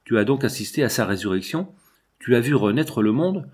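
A man reading aloud, voicing a combative, excitable old male physicist in a storybook. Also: medium pitch, fairly quick, slightly rough. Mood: agitated. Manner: excitable, exclaiming.

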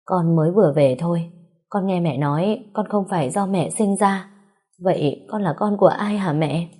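A woman's voice: fairly low pitch, normal speed, warm tone, breathy edge. A woman voicing a young adult daughter who pleads through tears, in a storybook reading. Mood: pleading. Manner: sobbing, pleading.

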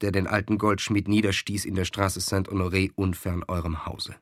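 A man's voice: sits low, little pitch movement, normal speed, no room sound, clean studio sound, close to an everyday voice. A man voicing a proud army officer who speaks earnestly and with emphasis. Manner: earnest, emphatic soldierly speech.

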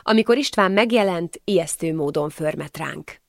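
A woman narrating a first-person audiobook in a calm, measured way. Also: lowish voice, vocal fry, no room sound, clean studio sound.

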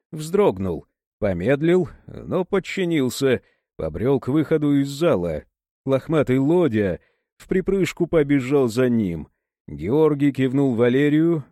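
A man narrating an audiobook in an expressive storytelling manner. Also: mid-range voice, no room sound, clean studio sound. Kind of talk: audiobook reading.

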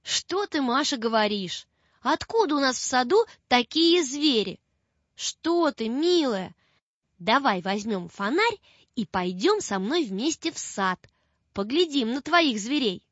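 A woman doing a gentle reassuring father. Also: sing-song, measured pace, dry recording, muffled recording, full character voice. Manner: low, soft, reassuring. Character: kind gentle father, calm.

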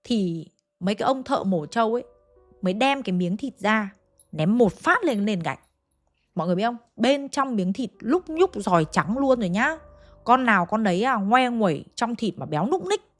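A woman's voice: fairly high pitch, big pitch swings, moderate pace, faint music behind. A young woman with a Hanoi accent narrating a ghost story in a chatty way, speaking straight to her listeners. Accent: Hanoi Vietnamese. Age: young adult. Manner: chatty, addresses listeners directly.

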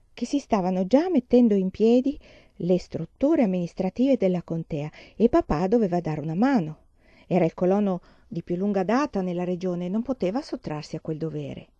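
A woman reading a children's novel aloud in a calm, measured storytelling manner. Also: medium pitch, no room sound, lo-fi sound. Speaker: reader. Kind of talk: audiobook narration.

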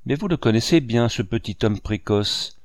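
A man reading an audiobook, voicing a kindly, good-humored painter and uncle who speaks warmly and teases gently. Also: mid-range voice, expressive, moderate pace, no room sound, studio quality, lightly acted. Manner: warm, gently teasing.

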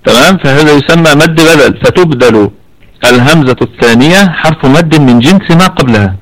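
A man with an Egyptian accent teaching an online Quran recitation lesson, explaining patiently and repeating words slowly to demonstrate. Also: mid-range voice, low-quality recording. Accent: Egyptian Arabic. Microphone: computer mic over an online voice chat.

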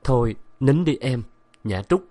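A man voicing a gruff, stern middle-aged professor who is tender with his wife but curt with others. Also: mid-range voice, expressive, measured pace, warm tone, pitched above the performer's own voice. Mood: soothing.

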